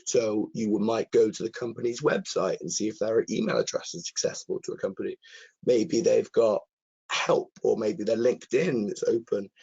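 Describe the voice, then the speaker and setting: A man with a hoarse, croaky voice answers questions as an earnest, enthusiastic presenter in a live webinar. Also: fairly low pitch, moderate pace, warm tone, muffled recording. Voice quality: croaky, husky. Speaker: presenter, cyber security content author.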